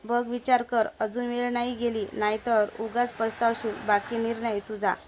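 A woman playing a lecherous moneylender man, threatening, coaxing, slightly high. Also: little pitch movement, normal speed, a little mellow, a little hiss or hum, close to an everyday voice. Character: lecherous menacing male village moneylender. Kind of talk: storybook narration.

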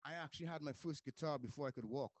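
A man's voice: fairly high pitch, quick pace, no room sound. A man from Trinidad, a music producer, talking casually as an interview guest over a video call and rambling with restarts.

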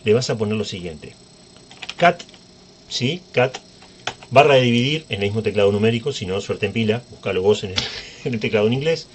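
A man's voice: fairly low pitch, fairly quick, slight background noise. A man giving an informal, chatty computer tutorial, often checking in with his viewers. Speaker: tech tutorial presenter. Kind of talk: screen-recorded computer tutorial.

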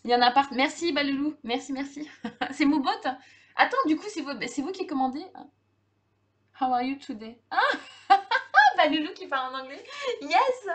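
A woman's voice: sits high, brisk. A woman in her thirties hosting a live cooking stream, chatting casually with viewers, laughing often and full of fillers and restarts. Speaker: livestream host cooking.

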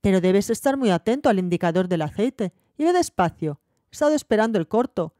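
A man's voice: sits high, lively intonation, a little fast, mellow, dry recording, clean studio sound. A woman voicing a young man who is worried about the car and speaks in an anxious, insistent way.

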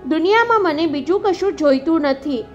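A woman narrator reading the lines of a busy, distracted husband with a brisk manner. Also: high voice, expressive, muffled recording, soft background music. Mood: tender. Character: neglectful busy husband, a critic.

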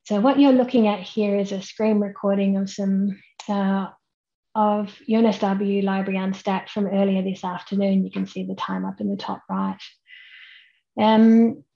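Woman, thirties, steady explanatory presenter, relaxed voice, lo-fi webcam capture. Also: medium pitch. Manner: measured, explanatory, with frequent "um"s. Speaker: keynote speaker. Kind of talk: online conference presentation. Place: indoors at home, plain wall behind. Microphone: webcam at desk, head and shoulders framing.

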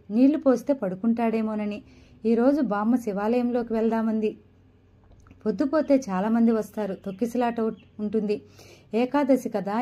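A woman narrating an audio novel in a calm, measured reading. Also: on the high side, muffled recording. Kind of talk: scripted narration.

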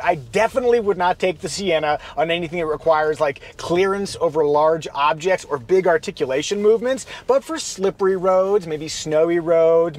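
A man hosting a casual car review from inside a minivan while he drives, chatty and relaxed, with playful asides. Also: a little high.

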